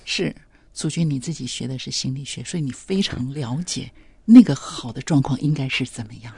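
Husky-voiced interviewer asking measured questions. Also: medium pitch, expressive, a little mellow, no room sound, studio quality.

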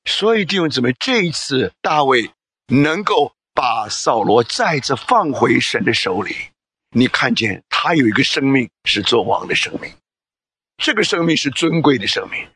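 Husky, lively-voiced male preacher. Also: mid-range voice, moderate pace, dry recording. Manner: emphatic, asks the listeners rhetorical questions. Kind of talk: sermon with scripture reading.

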